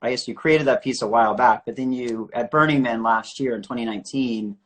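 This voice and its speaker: A man's voice: mid-range voice, fairly quick, a bit bright. A man hosting a live online art interview series over a video call, chatty and full of questions. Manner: friendly, chatty, asks questions.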